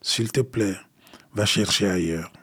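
A man voicing a busy, hurried river that politely refuses. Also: on the low side, fairly bright tone, husky, heavily acted.

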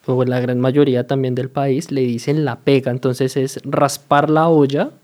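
A man from Colombia with a Colombian accent, casually explaining everyday slang to his viewers. He talks in a chatty, unhurried way, with many fillers and quick "¿sí?" checks. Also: medium pitch, flat delivery, a little mellow. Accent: Colombian Spanish.

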